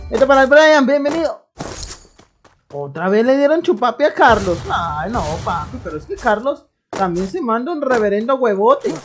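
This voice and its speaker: Woman, young adult, high-pitched, live gameplay commentary, excited slangy banter. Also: normal speed, soft background music. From Colombia. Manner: hyped, slangy banter, greeting chat. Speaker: game streamer.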